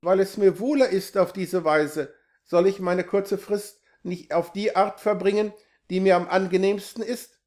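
A man's voice: high-pitched, fairly even intonation, unhurried, a little mellow, pitched above the performer's own voice. Male reader voicing a sly, composed storybook cat; polite and reasoning. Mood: gently reasoning. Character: clever, calm young tomcat.

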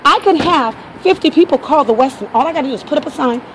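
Filmed on a handheld phone amid noisy outdoor traffic, this clip shows a local American woman squaring off with a protester on a city street. She talks fast in a high, expressive voice, pushing her point, interrupting, and saying things again and again as she argues and bargains.

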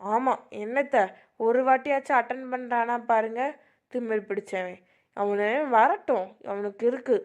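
A woman's voice: on the high side, steady tone, normal speed, darkish tone, lightly acted. A woman voicing a middle-aged mother who scolds and frets over her missing son in an amateur voice drama. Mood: scolding.

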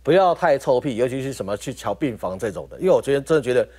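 A man with a Taiwanese Mandarin accent, a talk show guest telling a story in an animated way. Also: mid-range voice, very fast, breathy edge.

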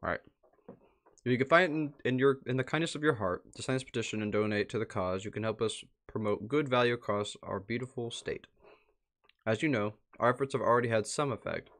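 Reading posts aloud at his computer indoors, a livestream host chats casually and mutters asides to himself. His mid-range voice is a bit bright and fairly quick.

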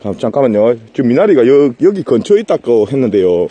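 A man with a Gyeongsang Korean accent talks casually outdoors, with a husky, mellow voice. His pitch jumps around a lot as he stammers, rambles and jokes with his viewers. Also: big pitch swings, fast talker, no room sound. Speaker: vlogger and live streamer. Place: outdoors in a rural garden.

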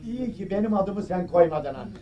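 An actor playing a mild, teasing middle-aged son in a comedy sketch. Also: male voice, high-pitched, expressive, fairly quick, dark tone, far from the mic, lo-fi sound.

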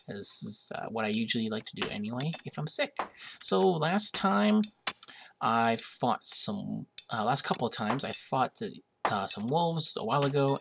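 Vocal fry colors this young man's mid-range voice as he plays a game with background noise behind him. He's sniffly while getting over a cold, and his casual let's-play chatter is amused and hesitant, packed with uhs.

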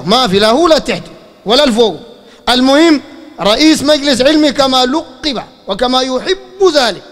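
A man with a Sudanese Arabic accent giving a fiery religious lecture, firing rhetorical questions and breaking into shouts. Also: very high-pitched. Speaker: preacher. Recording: long hall reverb.

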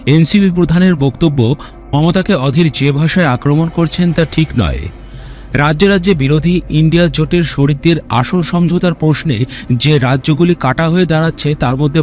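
A man reads a news report in an even, measured way. His voice sits a little high. Faint music runs underneath. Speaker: news narrator. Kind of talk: scripted news voice-over.

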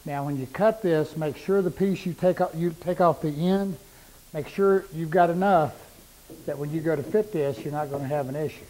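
The recording is rough: a middle-aged woodworking instructor with a fairly high, darkish voice demonstrates cuts at a moderate pace. On a lapel mic in his shop with power saws, he keeps it plain-spoken and repeats points to stress them.

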